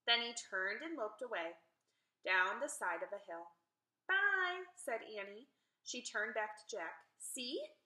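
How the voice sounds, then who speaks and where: A woman reading a children's book aloud in an expressive, animated storytelling voice. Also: mid-range voice, measured pace, echoey room. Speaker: reader.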